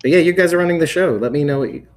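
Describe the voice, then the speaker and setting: A man's voice: on the high side, rapid-fire. A man chatting casually on a podcast through a laptop webcam mic, his voice hollow and echoey. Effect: hollow, echoey sound through a laptop webcam mic. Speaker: podcast co-host joining remotely. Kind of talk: casual chat. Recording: echoey laptop mic with crowd noise behind.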